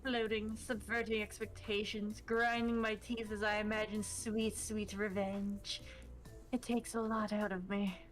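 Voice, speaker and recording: A woman voicing a brooding goth female ghost killer in a dating game, in a wispy, breathy, sardonic voice. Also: mid-range voice, flat delivery, a little slow, faint music behind, close to an everyday voice, rough recording.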